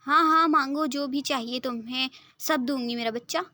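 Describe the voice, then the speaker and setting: A woman's voice: high voice, normal speed, pushed and bright, no room sound. A woman voicing a doting, forgiving middle-aged mother who speaks in a soothing, reassuring way, in a dry recording. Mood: soothing, teasing.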